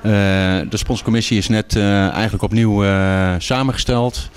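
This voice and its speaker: A man's voice: lowish voice, steady tone, moderate pace. A man in his fifties from a sponsorship committee, speaking steadily and matter-of-factly with fillers in a casual interview. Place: small indoor café. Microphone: handheld microphone.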